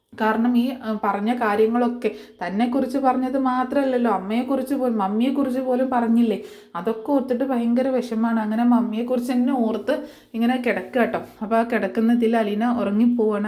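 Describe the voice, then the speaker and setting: A woman's voice: on the high side, warm tone, roomy sound. A woman retelling a serial episode in a casual, chatty way, with many fillers and restarts. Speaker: serial story narrator.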